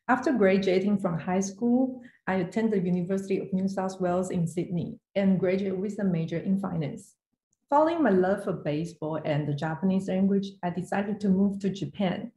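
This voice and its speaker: Speaking at a moderate pace, this woman has a medium-pitched, warm voice that echoes as she presents. She is a finance executive from Taiwan, invited as a guest speaker to deliver a prepared talk online. She's in an indoor room on a video call, and the audio comes across spacious and reverberant.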